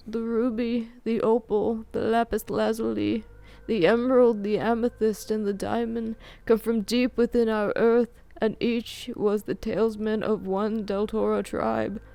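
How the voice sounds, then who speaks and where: A woman's voice: a little high, flat delivery, unhurried, vocal fry, few pauses, mellow, voice pushed up. A woman doing an eager, lecturing frail old scholar.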